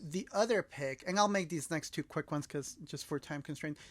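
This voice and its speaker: A native Spanish speaker from El Salvador co-hosts a podcast, talking casually about films with earnest enthusiasm. His male voice is on the high side, at a normal speed, with no echo.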